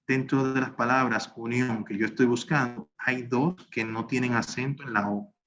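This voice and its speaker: A man's voice: mid-range voice, steady tone, moderate pace, a bit bright. Man teaching a recorded spreadsheet class. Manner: talks through steps while working on screen. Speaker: instructor. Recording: slightly dull lo-fi recording with faint noise.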